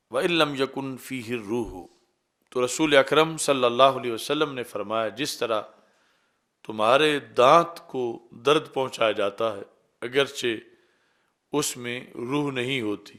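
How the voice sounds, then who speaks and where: A man who is an Islamic scholar, giving a religious lecture in a measured, explaining way, with brisk stretches of recited Arabic. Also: medium pitch, fairly bright tone.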